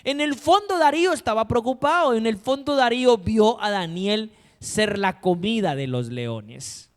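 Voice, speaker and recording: A man's voice: high-pitched, animated, measured pace, clear, resonant tone. A man preaching a sermon in a dramatic, emphatic way, asking his congregation rhetorical questions. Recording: long reverb of a hall.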